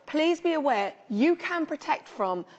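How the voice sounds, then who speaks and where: Woman, home shopping host style, higher pitch, earnest product explaining, reverberant and slightly dull sound. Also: big pitch swings, measured pace. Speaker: product expert presenting on home shopping show.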